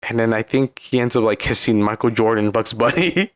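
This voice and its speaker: A young Californian man with a mid-range voice talks briskly as a podcast co-host. In a casual chat, he retells a video in a rambling way, packed with fillers and lots of "like."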